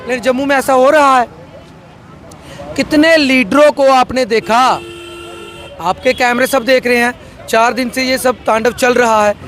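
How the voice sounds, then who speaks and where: A man's voice: very high-pitched, fairly even intonation, a little slow, long pauses, a bit bright. A man, a social activist, speaking with fiery, rhetorical passion in a political interview, repeating phrases for emphasis. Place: outdoors by a road.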